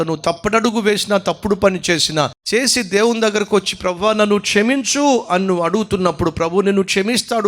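A middle-aged pastor preaches with a rather high voice. He tells stories and keeps turning to his listeners with questions. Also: a bit bright. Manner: storytelling with rhetorical questions. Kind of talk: sermon.

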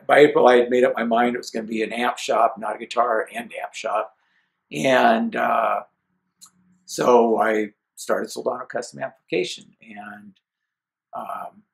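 Middle-aged man from seattle, gravelly voice, casual storytelling, acts out quotes. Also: mid-range voice, rough recording. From Seattle, USA. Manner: relaxed storyteller, acts out his own and others' quoted lines. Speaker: amp builder telling his story.

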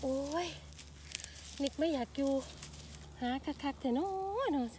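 A woman's voice: high-pitched, fairly even intonation, unhurried, dark tone, a little hiss or hum. A woman with an Isan accent, chatting casually to viewers as she forages for mushrooms outdoors, full of exclamations. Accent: Isan (Northeastern Thai). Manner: chatty, calls viewers "brothers and sisters", frequent exclamations. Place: outdoors in the countryside.

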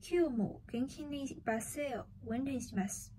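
A woman telling a story for a speaking task, slow and careful, with repeats and self-corrections. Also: sits high, dark tone, slight background noise. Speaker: language student telling a story.

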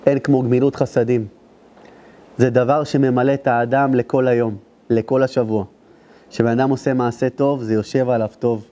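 A rabbi giving an emotional storytelling sermon to a live audience, speaking to the listeners directly and rising into intense high cries at the story's climaxes. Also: male voice, level tone, mellow, highs cut off. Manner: addresses the audience directly, urging them to listen. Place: live lecture before an audience.

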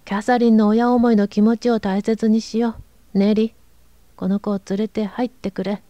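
A woman reading a gruff, domineering father. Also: medium pitch, level tone, moderate pace, warm tone, no room sound, close to an everyday voice. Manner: gruff, barking orders. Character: harsh, domineering middle-aged father, man.

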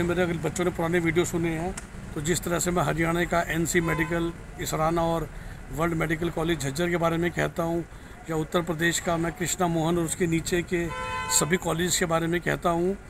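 A middle-aged career counselor films a blunt review vlog outdoors in a parking lot, holding his phone camera at arm's length. His voice sits on the high side, background noise comes through, and his frank talk carries warnings.

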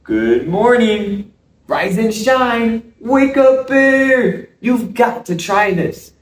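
A man voicing a showy young male squirrel magician, calling out in a drawn-out, booming showman delivery. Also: big pitch swings, full character voice. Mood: cheerful. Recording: roomy sound from a distance.

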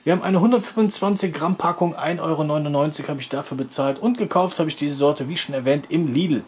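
A man's voice: a little high, fast talker, a little mellow, slightly rough. A man hosting a food review video, talking casually as he narrates a taste test.

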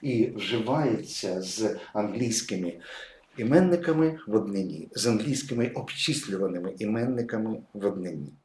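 A male teacher explains English spelling and sound step by step, his pitch rising and falling a lot as he leans on each example word. The room is echoey, with a faint hiss behind him. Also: lively intonation, normal speed, a little mellow. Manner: patient, explanatory, stresses example words. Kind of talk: explaining pronunciation at a whiteboard.

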